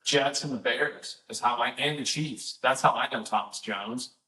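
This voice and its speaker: A man's voice: mid-range voice, moderate pace, sharp tone, poor audio. A man co-hosting a casual podcast, answering trivia bluntly. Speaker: podcast co-host, trivia contestant.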